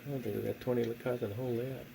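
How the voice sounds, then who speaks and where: A man's voice: medium pitch, steady tone, racing, vocal fry. Man, mid-range voice, folksy, wry, casual hobby chat, faint noisy room.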